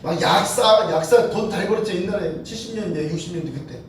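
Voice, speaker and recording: A woman preaching a sermon, moving between fervent shouted prayer and quiet storytelling. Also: fairly low pitch, brisk, a little hiss or hum. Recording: echoey hall heard from a distance.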